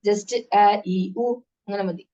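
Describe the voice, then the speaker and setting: A woman's voice: medium pitch, flat delivery, slow, mellow, dull audio. A woman tajweed teacher giving an online class to children, patiently sounding out syllables one at a time.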